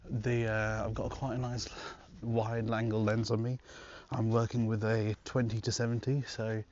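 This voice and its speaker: A man's voice: fairly low pitch, little pitch movement, moderate pace, a little mellow, highs cut off. A man vlogging outdoors on a walk, talking casually and rambling with restarts and laughs, recorded on a clip-on wireless mic. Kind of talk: casual walking vlog.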